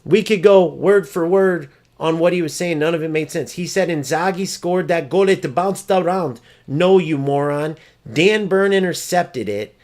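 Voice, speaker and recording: A man's voice: fairly high pitch, measured pace, few pauses, a little mellow. A man ranting over gameplay footage, exasperated, profane and mocking as he vents about an opponent. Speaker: gaming streamer.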